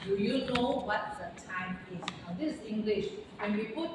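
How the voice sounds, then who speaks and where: A woman's voice: medium pitch, animated, distant mic. Woman teacher in an echoey classroom. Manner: slow, drawn-out model phrasing for students. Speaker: English teacher. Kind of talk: classroom lesson. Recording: echoey, noisy classroom from afar.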